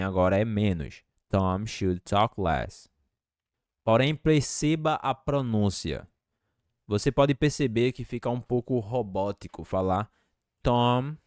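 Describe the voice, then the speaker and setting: Male English teacher, low voice, unhurried lesson delivery with many repetitions, dry sound. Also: a little mellow, no room sound. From Brazil. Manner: slow, repeating example phrases deliberately. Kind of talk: language lesson.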